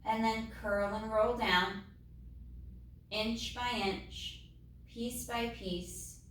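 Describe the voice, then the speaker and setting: A woman leading a Pilates mat class, calmly cueing each movement step by step. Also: on the high side, extremely slow, a little hiss or hum. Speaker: Pilates instructor. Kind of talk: guided exercise class. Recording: very echoey room, mic far off.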